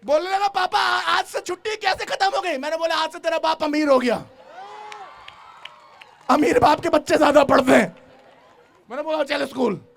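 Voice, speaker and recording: High-pitched gravelly preacher shouting to a crowd. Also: male voice, steady tone, moderate pace, pauses often. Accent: South Indian. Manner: swings from shouted preaching to quiet storytelling. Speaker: pastor. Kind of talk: sermon. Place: large gathering with crowd.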